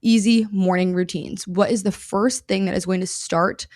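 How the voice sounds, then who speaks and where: A woman's voice: mid-range voice, steady tone, moderate pace, a little mellow, no room sound, studio quality. Chatty upbeat woman podcast host. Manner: upbeat, chatty, repeats phrases for emphasis. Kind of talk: casual instructional podcast talk.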